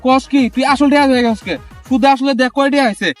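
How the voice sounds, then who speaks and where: A man's voice: very high-pitched, loud music behind the voice. A man with a rural Bangladeshi Bengali dialect, playing a greedy, blustering village moneylender in a comedy skit. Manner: greedy, blustering, fast-talking.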